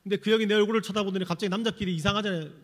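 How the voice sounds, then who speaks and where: A male pastor with a notably high voice tells his testimony from the pulpit, leaning into the drama and landing jokes along the way. The sound carries a long church hall reverb that trails after each phrase. His delivery is lively and theatrical, a preacher used to holding a room. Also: racing. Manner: animated, dramatic storytelling with humor. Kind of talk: sermon with personal testimony. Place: church sanctuary.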